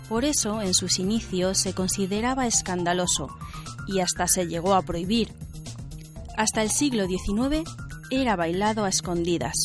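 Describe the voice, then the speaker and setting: A woman with a Spanish accent from Spain, presenting a radio program in a clear, measured teaching manner and interviewing students. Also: medium pitch. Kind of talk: scripted narration and interviewing.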